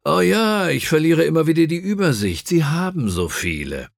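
A sardonic, aloof gentleman adventurer, voiced by a man reading an audiobook. He drawls and mocks, lifted a little above a low, gravelly base. The delivery is dry and close. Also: sing-song, normal speed, no echo. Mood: mocking. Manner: drawling, mocking. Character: lazy, sardonic male time-traveller, aloof gentleman.

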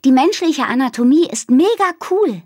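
A woman reading aloud voices a young know-it-all girl who lectures in a high, easily irritated voice. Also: lively intonation, moderate pace, dry recording, clean studio sound.

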